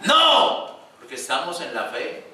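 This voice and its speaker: A man's voice: fairly high pitch, huge pitch swings, measured pace, sharp tone, slight background noise. A man preaching a sermon to his congregation, calling them brothers and acting out the voices in the scripture he tells. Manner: addresses the congregation as brothers, acts out quoted voices. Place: church hall. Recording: echoey room, picked up from a distance.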